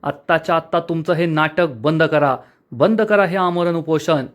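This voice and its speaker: A man takes on a proud, quick-tempered young bride who scolds with indignation. The voice sits high and stays close to a plain reading, as in a serial recap. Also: lightly acted. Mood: angry.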